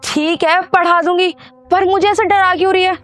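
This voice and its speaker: A woman's voice: extremely high pitch, fairly even intonation, normal speed, fairly bright tone, no room sound, soft background music. A woman playing a friendly classmate who explains a lesson in a casual way in an amateur horror drama. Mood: explaining. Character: friendly schoolgirl friend, a bit reluctant.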